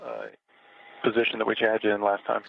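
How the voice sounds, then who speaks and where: A man calling out arm moves over a space radio comm loop in flat, measured callouts. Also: lowish voice, vocal fry. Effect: sci-fi-style space radio comm loop. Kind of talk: radio communications. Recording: narrow crackly radio link.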